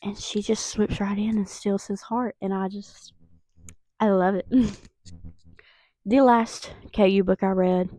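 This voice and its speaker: A young woman with a Southern accent chatting excitedly about books she read, with lots of fillers. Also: mid-range voice, slow pace, long pauses, no room sound. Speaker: book vlogger. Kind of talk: casual book review chat.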